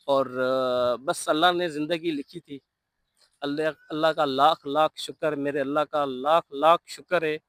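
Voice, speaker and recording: High-voiced man telling a scare. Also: bright, forceful tone, no echo, low-quality recording. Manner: emotional, earnest, thankful to God. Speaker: vlogger. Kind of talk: recounting a near-accident to viewers.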